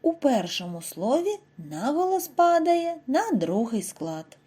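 A woman teacher narrating a lesson for small children, her pitch a little high and moving a lot. Her voice is mellow and slightly husky. She stretches out example words slowly and clearly for the class. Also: very animated. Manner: slow, over-articulated model words for children. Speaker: primary school teacher. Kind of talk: scripted lesson narration for first graders.

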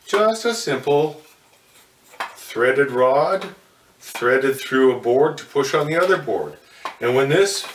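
In a mid-range, somewhat bright voice, an older man shows off telescope mounts in a hands-on demo, folksy and riddled with fillers and self-corrections. He's indoors in front of a curtain, and the recording feels roomy and slightly far away.

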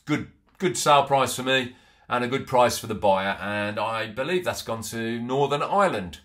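With lively intonation and a fairly bright tone, a middle-aged antiques reseller speaks at a moderate pace in his mid-range voice. He's chatting through a haul at an indoor home office desk, often pausing on ums and starting over.

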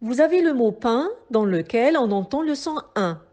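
A woman teacher with a Moroccan French accent giving a slow phonics lesson to young pupils, carefully articulating and repeating each sound. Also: on the high side, expressive, a little mellow. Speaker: primary school teacher.

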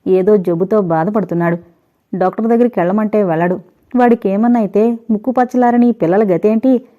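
A woman's voice: medium pitch, fairly quick, mellow, lightly acted. A woman reading as a bitter, grieving mother. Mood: bitter, tearful. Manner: reproachful, sorrowful. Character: distressed aging mother, bitter and worried. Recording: slightly dull lo-fi audio.

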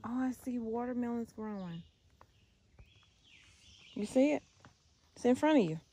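A woman's voice: a little high, lively intonation, unhurried, dark tone, slightly rough. A woman, chatting and asking questions as she films a garden tour on her phone outdoors. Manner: chatty, asks lots of questions. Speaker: homestead vlogger filming a garden tour. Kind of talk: casual chat while filming. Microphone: handheld phone camera.

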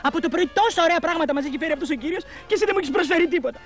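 A man playing a whiny, nagging middle-aged wife in a comedy sketch. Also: fairly bright tone. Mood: pleading. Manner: whiny, nagging, shrill complaints.

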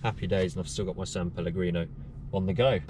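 A man's voice: low-pitched, steady tone, fast, darkish tone. Rambling man vlogging in a car. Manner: chatty, rambling, with many ums and restarts. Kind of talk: casual vlog to camera. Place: inside a parked and moving car. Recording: distant mic with clear car noise.

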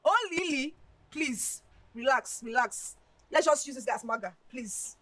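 A woman's voice: sits high, expressive, unhurried, dry recording, exaggerated voice. An actress with a Nigerian English accent playing a playful young woman who pleads with her friend for the sake of money, in a film drama. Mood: coaxing. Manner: coaxing, pleading, laughs loudly.

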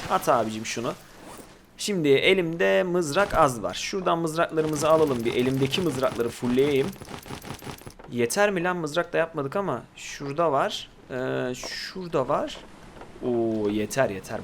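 A man's voice: medium pitch, lively intonation, moderate pace, slight background noise. A man hosting casual gameplay commentary, chatting to his viewers and teasing the creatures in the game. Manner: chatty, talks to viewers and to the game creatures, swears when startled. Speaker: gaming video host.

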